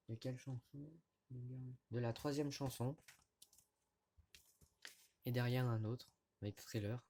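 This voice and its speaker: A man casually showing vinyl records to his camera, talking in a halting way with many fillers and restarts, recorded indoors at home. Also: mid-range voice, dark tone, slight background noise. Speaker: record collector vlogger. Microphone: camera mic at close range.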